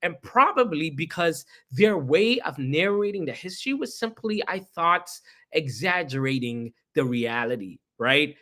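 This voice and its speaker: Ethiopian-born young man with a slightly high voice; loose, chatty history talk full of rhetorical questions. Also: expressive, a little slow, sharp tone. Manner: conversational, repeats himself, asks rhetorical questions. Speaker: history presenter. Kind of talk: casual spoken history talk.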